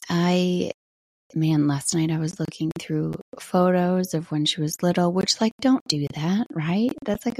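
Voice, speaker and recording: A middle-aged woman with a low morning voice, talking casually and reflectively in a personal solo check-in as a podcast host. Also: creaky, darkish tone, no echo, poor audio. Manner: reflective, conversational.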